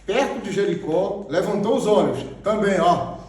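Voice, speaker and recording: A high-pitched Brazilian Portuguese man preaching with emphatic repetition, pointing things out as he teaches. His voice is caught from a distance and rings around a very echoey hall. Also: expressive, moderate pace, darkish tone, slight background noise. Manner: emphatic, repeats phrases, points at a drawn diagram. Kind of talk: sermon teaching with Bible readings. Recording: very echoey, far from the mic.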